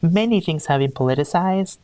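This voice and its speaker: Her voice sits on the low side, dark in tone, brisk and lively in intonation, with no echo. She is a Peruvian HR executive giving an earnest conversational interview, frequently starting her sentences over as she searches for words.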